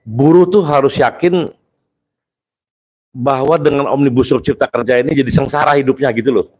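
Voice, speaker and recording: Deliberate man explaining politics. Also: medium pitch, a little mellow. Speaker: labor union confederation leader.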